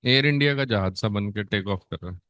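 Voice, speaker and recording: A middle-aged man teaches a nursing exam class in a mix of Hindi and English, his fairly low voice brisk and a bit bright. In a coaxing tone he quizzes students, answers his own questions, and calls them beta. The clean, dry recording is studio quality.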